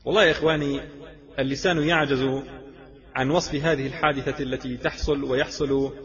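Impassioned male preacher, lo-fi reverb. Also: on the high side. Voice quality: impassioned, rising to fervent declamation. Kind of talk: sermon. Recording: dull lo-fi sound with long reverb.

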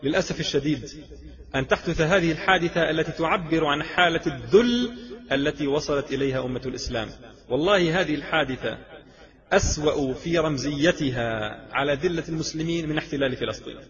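A man's voice: on the high side, fast talker. A man preaching an impassioned sermon that builds to fervent declamation. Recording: dull lo-fi sound with long reverb.

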